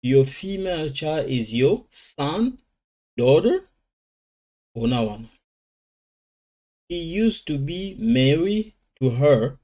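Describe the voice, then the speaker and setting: Man slowly drilling English vocabulary. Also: on the high side, very animated, dark tone. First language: Lingala. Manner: switches between languages, slow drilling of English words. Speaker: language teacher. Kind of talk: informal vocabulary lesson.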